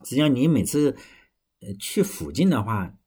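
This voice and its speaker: A man's voice: mid-range voice, sing-song, moderate pace, mellow, husky. A man hosting a casual audio talk show, reading a short story aloud and then rambling about his day, often correcting himself as he goes. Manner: rambling, self-correcting, plain-spoken. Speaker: podcast host.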